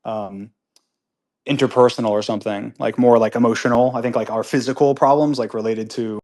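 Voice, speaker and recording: A man's voice: mid-range voice, fairly even intonation, fairly quick, a little mellow. Rambling man chatting live at home. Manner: rambling, with many restarts and fillers; upbeat and earnest when disagreeing. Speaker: host of a live audio chat room. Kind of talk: casual live chat answering listener comments. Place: at home with pets nearby.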